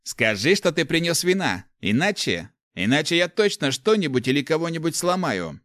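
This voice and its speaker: A man voicing an enraged, burly big man who talks gruffly and threateningly. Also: fairly high pitch, sing-song, normal speed, a bit bright, no echo, studio quality, pitched above the performer's own voice. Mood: furious.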